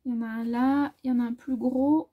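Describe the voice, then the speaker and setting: Woman sewing vlogger, high and husky-soft, casual rambling haul chat. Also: fairly even intonation, a little fast, narrow, tinny audio. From France. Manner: chatty, rambling, self-correcting, often trailing off softly.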